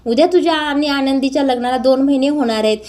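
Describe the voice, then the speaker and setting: A woman's voice: sits high, quick pace, a little mellow, close to an everyday voice. A woman voicing a scheming older sister who taunts her brother in a mock-sweet way. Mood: sly, taunting.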